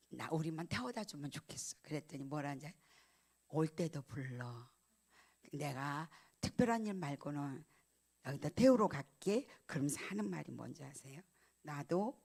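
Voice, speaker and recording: A middle-aged woman pastor giving a sermon, telling a personal story with emotion and swinging from loud emphatic lines to hushed, almost whispered ones. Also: low voice.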